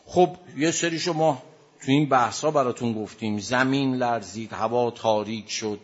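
Man preaching a mournful lament, lo-fi. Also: medium pitch. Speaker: religious preacher reciting a lament. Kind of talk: mourning sermon narration. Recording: dull lo-fi recording.

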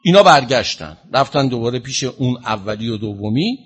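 Husky-voiced man preaching a sermon. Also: lively intonation. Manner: questions the listeners directly and demands answers; slow, emphatic retelling with rising pitch and loudness. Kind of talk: sermon storytelling.

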